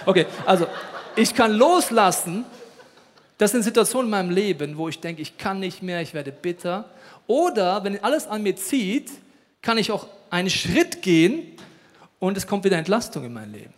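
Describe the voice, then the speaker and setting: A man preaching a lively sermon at a church service, telling stories and acting out the voices of the people in them. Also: high voice, normal speed. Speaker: pastor. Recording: long hall reverb.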